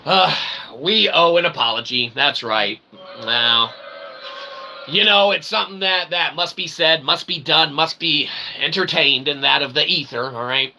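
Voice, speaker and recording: A solo streamer and channel host rambles through a comedic, pseudo-philosophical monologue, blending mock-formal wordiness with crude swearing and short tag questions. His voice is a little high, bright, and forceful, moving a little slowly, and the recording is clearly noisy with ambient background sound.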